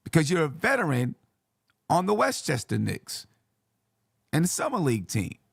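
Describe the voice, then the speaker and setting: A man with a hoarse, creaky voice talks sports as a show host. His pitch jumps around in a lively way as he chats and repeats key phrases for emphasis. The recording is dry and close. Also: moderate pace, no room sound. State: hoarse voice from yelling. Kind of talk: casual sports commentary.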